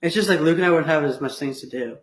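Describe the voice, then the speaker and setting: A man's voice: a little high, quick pace, reverberant, a little hiss or hum, low-quality recording. A teenage boy co-hosting a podcast, chatting casually and teasing his friend, with lots of "um" and "like". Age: teens. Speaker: podcast co-host. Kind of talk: casual chat.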